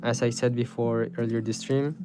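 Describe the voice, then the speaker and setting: A man's voice: mid-range voice, flat delivery, moderate pace. A man chatting informally on a drawing livestream, slangy and often repeating words, as he reads and answers comments. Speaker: art livestreamer. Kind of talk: casual livestream chat while drawing, reading comments aloud. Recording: music playing behind the voice. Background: guitar music.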